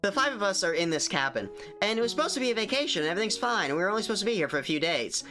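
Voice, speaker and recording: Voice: medium pitch, sing-song, very fast, pushed and bright, soft background music. A game streamer chatting casually with viewers during a playthrough, making sweary, joking asides.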